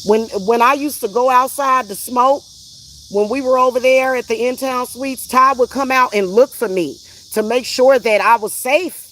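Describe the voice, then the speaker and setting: A woman's voice: a little high, steady tone, normal speed, fairly bright tone, slight background noise. A woman vlogger ranting in a heated, emphatic, profane way, repeating herself for emphasis. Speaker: vlogger and spiritual reader. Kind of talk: heated personal rant.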